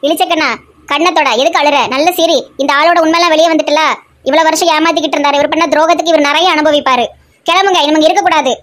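A woman's voice: high voice, steady tone, fast talker, a bit bright. A woman in a comedy sketch who scolds sharply, with emphatic exclamations. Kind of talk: amateur comedy sketch acting.

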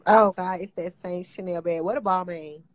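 A woman's voice: on the low side, fairly even intonation, moderate pace, no room sound. A woman chatting casually and joking with friends. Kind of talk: casual chat.

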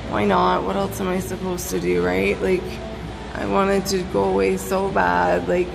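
Holding her phone at arm's length, a woman vlogger in her thirties talks casually at a big indoor hotel pool. She speaks a little slowly in a medium-pitched, creaky voice with completely flat delivery, and the recording echoes with loud pool ambience and background music.

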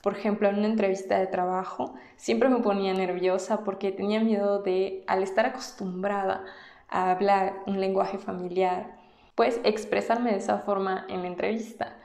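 A woman from Mexico with a Mexican Spanish accent, explaining in a casual vlog and demonstrating sounds slowly and patiently. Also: medium pitch, steady tone, vocal fry, darkish tone. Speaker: language vlogger. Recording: roomy echo.

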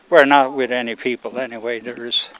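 Out on a rural road lined with rice fields, an older Swedish man films himself with a selfie-stick camera and chats to viewers in a relaxed, wandering manner. His medium-pitched voice is strained as he loses it, and the recording is rough.

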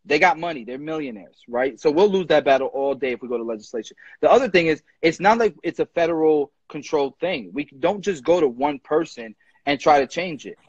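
A young man speaks with a somewhat husky, fairly high voice, pressing his points with passion and quick restarts. His voice comes close and dry through a phone held at arm's length, and the sound is dull and lo-fi. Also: expressive, no echo. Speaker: barber educator, live stream host. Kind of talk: casual live chat. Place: indoor room with ceiling fan. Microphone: phone front camera at arm's length.

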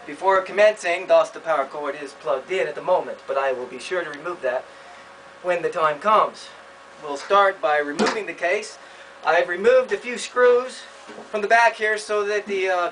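A man's voice: sits high, fairly bright tone, distant mic, a little hiss or hum, poor audio. A man hosting a mock repair demonstration in a bumbling, overconfident, know-it-all manner. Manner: bumbling, overconfident, falsely expert. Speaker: host of a parody repair video.

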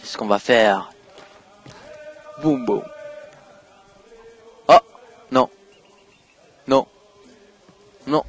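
Excitable French gamer narrating play. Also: male voice, medium pitch. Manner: excitable, swings from mumbling to loud outbursts. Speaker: gaming YouTuber. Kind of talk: let's play commentary.

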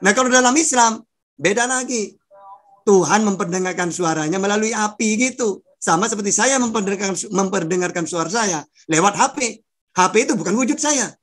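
A man with a high voice and a husky, breathy edge argues hard in an online religious debate. He presses his points with pointed questions and comes through the thin sound of a video call. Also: animated, a little fast, fairly bright tone.

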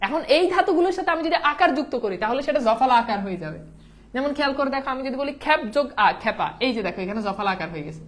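A woman's voice: sits high, very animated, very fast. A woman teaching an exam-prep lesson, asking questions and answering them herself.

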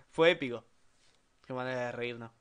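A young man with an Argentine accent, live streaming a retro game in low spirits, joking in slang and reading chat aloud. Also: fairly bright tone. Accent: Argentine Spanish. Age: young adult. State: low-energy, subdued. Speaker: gaming streamer. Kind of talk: casual live stream commentary while gaming.

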